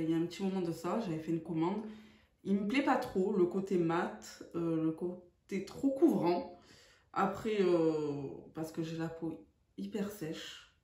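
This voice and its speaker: A woman's voice: lowish voice, a little mellow. A woman chatting through a makeup tutorial, hesitant and full of fillers. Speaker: beauty vlogger. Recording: echoey room.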